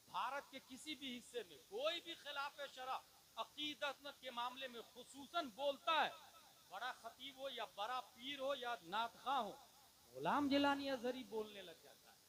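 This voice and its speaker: High, bright-voiced preacher. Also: male voice, poor audio. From India. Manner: impassioned, swinging from quiet talk to shouted climaxes; breaks into rapid Arabic recitation. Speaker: Islamic preacher. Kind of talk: sermon.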